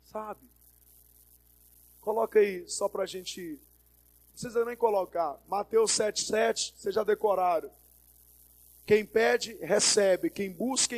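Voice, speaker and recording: High-voiced Brazilian pastor preaching. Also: male voice. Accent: Brazilian Portuguese. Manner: storytelling, quotes dialogue, exhorts the congregation. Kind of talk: sermon.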